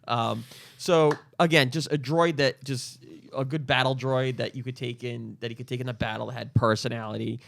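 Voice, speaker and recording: A man's voice: medium pitch, fairly even intonation, normal speed, creaky, few pauses, a little hiss or hum. A man co-hosting a podcast, chatting casually and enthusiastically, with frequent ums. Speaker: podcast co-host. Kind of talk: casual chat.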